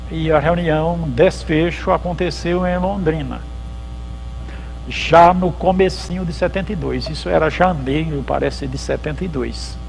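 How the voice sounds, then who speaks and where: With a fairly high, gravelly, darkish voice, a pastor lectures on church history in a lecture hall at a theological symposium, telling it like a chatty story and performing the dialogues. Slight background noise marks this rough recording.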